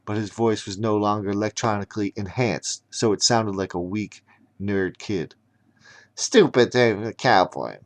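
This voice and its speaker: A man narrating his own storybook audiobook in an unhurried, plain manner. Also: on the low side, fairly even intonation. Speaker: author and narrator. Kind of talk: storybook reading.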